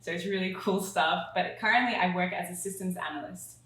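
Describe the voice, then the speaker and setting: A woman's voice: on the low side, a little fast, fairly bright tone, very echoey, low-quality recording. A young woman with an Australian accent, chatting as an interview guest and laughing often. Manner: giggly, chatty. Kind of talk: casual interview.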